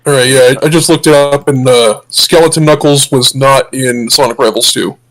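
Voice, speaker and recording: A man's voice: mid-range voice, fairly even intonation, moderate pace, rough recording. A man co-hosting a casual livestream chat through a voice changer, talking keenly with frequent restarts. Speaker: co-host.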